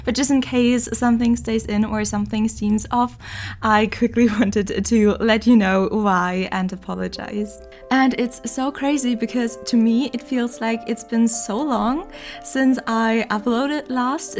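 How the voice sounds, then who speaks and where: A young woman in her twenties chatting in a casual voiceover, her voice nasal and congested from allergies, laughing often between words. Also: a little high. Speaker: game building content creator.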